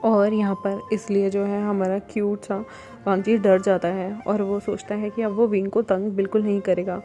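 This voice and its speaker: Chatty woman storyteller, mellow voice. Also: mid-range voice, moderate pace, soft background music. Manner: chatty, animated retelling with asides to listeners. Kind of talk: casual story retelling.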